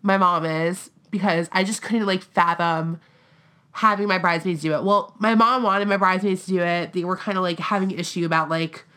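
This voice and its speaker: A young American woman co-hosting a podcast in casual chat, talking bluntly with vocal fry, plenty of swearing and frequent "like". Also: lowish voice, fairly even intonation, a little fast, pushed and bright. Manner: blunt, profane, peppered with "like". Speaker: podcast co-host.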